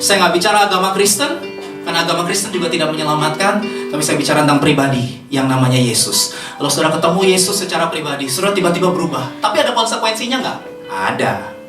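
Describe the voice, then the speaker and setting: Brief: chatty Jakarta-accented woman preacher, bright lively voice, echoey church hall with faint music. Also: low-pitched, fast, recorded from a distance. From Indonesia. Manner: chatty, laughs often, lively. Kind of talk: sermon.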